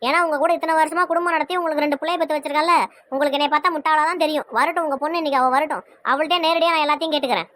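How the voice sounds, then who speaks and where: A woman's voice: high voice, steady tone, rapid-fire, fairly bright tone, no room sound. A woman with a Tirunelveli Tamil accent voicing an angry, sarcastic mother in a cartoon family quarrel. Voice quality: nagging, sarcastic. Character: angry mother siding with her brother. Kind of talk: cartoon voice acting.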